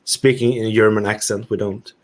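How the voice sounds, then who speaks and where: This is a man from Sweden speaking English with a Swedish accent, his voice sitting on the low side. He chats as a friendly guest on a live stream, now and then pausing to find the right word. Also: steady tone. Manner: friendly, searching for words. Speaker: guest channel owner. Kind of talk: casual live-stream chat.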